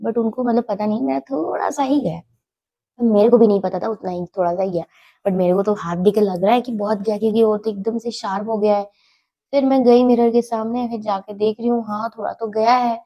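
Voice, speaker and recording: A woman telling a personal story in a casual storytime style, animated and repeating words for emphasis. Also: mid-range voice, lo-fi sound.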